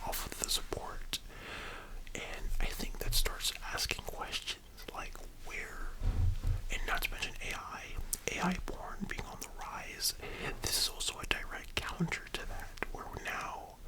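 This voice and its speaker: Young man, soft library whisper, breathy, unvoiced, ASMR monologue, casual, musing, halting. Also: low-quality recording. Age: young adult. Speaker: ASMR video host.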